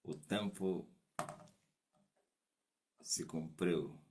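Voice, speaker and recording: A man's voice: sits low, fairly even intonation, very slow, noisy background. A man, an apostle leading an online church service over a video call, chatting and teasing with his congregation and laughing often. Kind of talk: casual chat with congregation before a sermon.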